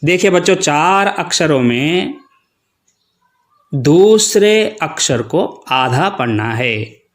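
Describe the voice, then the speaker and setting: A man's voice: a little high, lively intonation, slow pace. A man teaching children Hindi pronunciation, patiently reading out word lists one by one.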